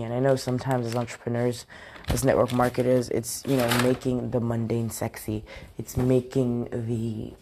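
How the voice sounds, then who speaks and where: A woman's voice: very deep voice, warm tone, a little hiss or hum. A woman hosting a motivational podcast from a large bathroom, upbeat and repetitive with lots of fillers, sounding groggy with a morning voice from a slight cold. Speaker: podcast host.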